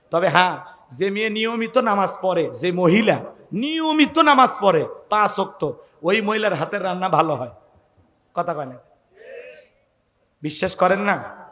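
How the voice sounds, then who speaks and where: Man, preacher, high ringing voice, rousing sermon, long hall reverb. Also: sharp tone. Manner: rousing, calls out for audience responses, joking asides. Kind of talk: sermon at an evening religious gathering.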